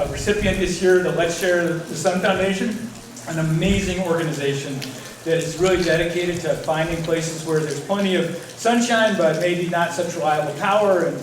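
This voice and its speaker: A man's voice: fairly high pitch, background noise. A man, president of a charity foundation, giving a loose, thankful speech full of fillers at a fundraising event. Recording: echoey, far from the mic.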